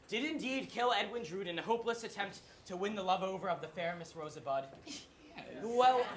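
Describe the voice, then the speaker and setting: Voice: medium pitch, a bit bright, close to an everyday voice. A performer playing a brash, wry music hall chairman, declaiming grandly and teasing the audience in theatrical patter, on a live stage recording. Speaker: master of ceremonies in a stage musical.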